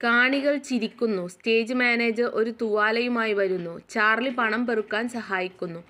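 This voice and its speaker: Woman teacher reading out a class lesson, steady, a few little slips. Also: a little high, unhurried. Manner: steady, reads a play script and notes with small slips.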